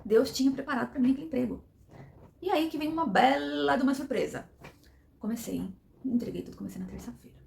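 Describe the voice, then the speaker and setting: A woman's voice: high voice, fast, vocal fry, darkish tone. A middle-aged woman, telling a personal story with emotion and acting out the dialogue. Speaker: vlogger.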